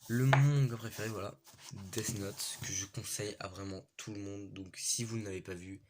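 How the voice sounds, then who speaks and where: Low-voiced young Frenchman with a stuffy nose. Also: steady tone, normal speed. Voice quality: congested, blocked-nose sound. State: has a cold with a stuffy nose. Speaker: manga collection vlogger. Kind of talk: casual vlog chat, rambling collection tour. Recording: noisy amateur home recording with clicks.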